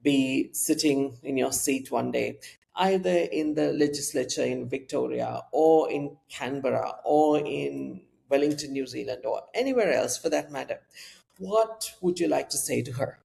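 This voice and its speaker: An interview host asking thoughtful questions in a measured, reflective way, with frequent fillers. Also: mid-range voice, gravelly, mellow. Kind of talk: interview conversation.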